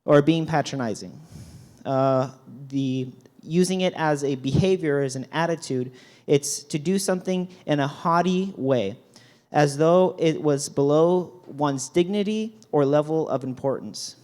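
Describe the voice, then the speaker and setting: Man in a church teaching role, slightly high voice, hesitant delivery with many fillers, giving a talk from the front of a group. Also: darkish tone. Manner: hesitant, frequent ums and restarts. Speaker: youth talk speaker at church. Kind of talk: church talk with dictionary definitions.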